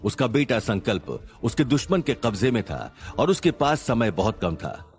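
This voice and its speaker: A man's voice: medium pitch, big pitch swings, moderate pace. A man narrating a suspense story in a dramatic style.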